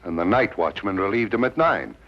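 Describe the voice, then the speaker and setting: An actor playing a self-assured police inspector who talks in a blunt, dismissive way. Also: male voice, deep voice, lively intonation, fairly quick, breathy edge, full character voice. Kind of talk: 1950s TV drama acting. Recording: dull 1950s TV soundtrack.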